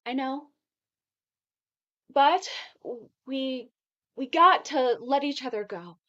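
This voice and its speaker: An actress playing a woman who is calmly letting go of a love, in a measured, resigned way. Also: high-pitched, lo-fi sound, full character voice. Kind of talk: stage play performed over video call.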